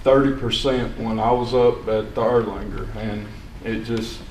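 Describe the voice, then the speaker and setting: A man's voice: lowish voice, fairly even intonation, unhurried, a little mellow. A young man giving unscripted public comment at a county meeting, plain-spoken and rambling with restarts. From Sequatchie County, Tennessee. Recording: echoey hall, distant mic, faint hiss.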